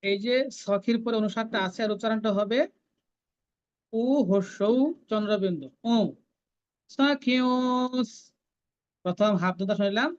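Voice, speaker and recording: A woman teaching a scripture recitation class, chanting each verse slowly and then explaining how to pronounce it. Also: medium pitch, fairly even intonation, a little mellow, highs cut off.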